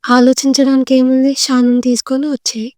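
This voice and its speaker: A woman playing a brisk, friendly neighbor. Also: high-pitched, monotone, a little mellow, no echo, studio quality, close to an everyday voice. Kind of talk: short film acting.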